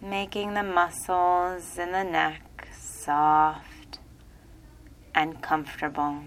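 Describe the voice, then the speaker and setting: A woman reading a guided relaxation hypnosis script in a slow, soothing, repetitive way. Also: fairly low pitch, little pitch movement, slight background noise.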